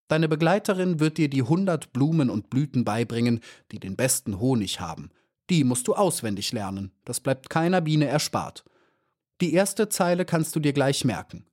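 A man's voice: mid-range voice, darkish tone, pitched above the performer's own voice. A man voicing a stern, fussy old female bee who lectures and sighs, in a storybook reading. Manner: scolding, sighing, lecturing.

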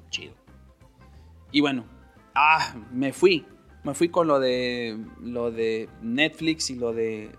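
A podcast host from Monterrey, Mexico, with a northern Mexican accent, runs a casual solo show in a mid-range, slightly bright voice. He's opinionated and chatty, laughing often and mimicking people.

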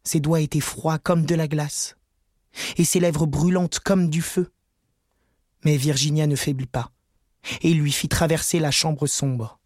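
A man reading a classic story aloud in a measured audiobook narration. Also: on the high side, fairly even intonation, darkish tone, no room sound, studio quality.

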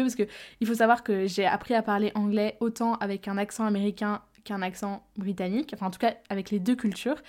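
A woman's voice: medium pitch, a little mellow. Chatty, self-deprecating woman podcast host. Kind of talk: casual solo podcast introduction.

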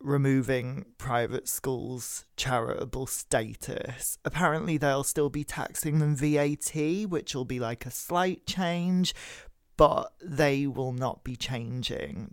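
A woman co-hosting a casual political chat podcast, chatty and sweary, quick to laugh. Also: extremely low pitch, darkish tone. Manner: chatty, sweary, laughs easily, lots of fillers. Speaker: podcast co-host.

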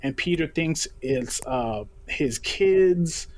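A man with a fairly high voice explains comic plots to his co-host. He sounds laid-back and plainspoken in a casual podcast chat. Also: lively intonation, takes it slowly, darkish tone.

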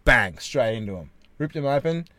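An Australian man with a medium-pitched voice, hosting a casual podcast. He chats and tells everyday stories in a cheeky, bantering style, swearing freely. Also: lively intonation, moderate pace, sharp tone, no echo. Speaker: podcast host.

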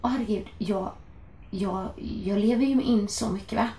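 A woman in her thirties chatting casually, lively and animated as she tells stories. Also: mid-range voice, slight background noise. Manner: lively, animated storyteller who acts out shouting. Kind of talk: casual chat. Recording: echoey room.

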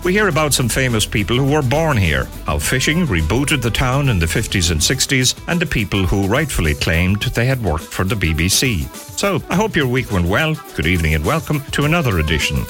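A man's voice: medium pitch, very animated, a little fast, hardly any pauses, over music. A man from Ireland with a West Cork accent, presenting a radio programme in scripted narration. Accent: Irish, West Cork. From Castletownbere, West Cork, Ireland.

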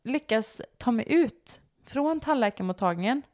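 A woman co-hosting a casual podcast chat, telling stories in an animated way and often breaking into shrieking laughter. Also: a little high. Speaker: podcast co-host.

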